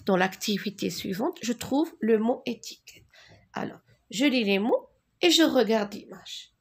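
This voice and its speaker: A woman's voice: on the high side, animated, a little slow, breathy edge. A woman teaching a beginners' French reading lesson, carefully spelling out letters and syllables, with Arabic as her first language.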